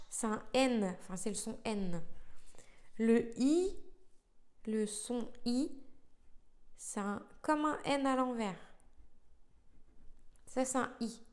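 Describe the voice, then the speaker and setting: A young woman vlogging casually about learning letters, thinking aloud with frequent hesitations and fillers. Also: fairly high pitch. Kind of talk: casual live learning vlog.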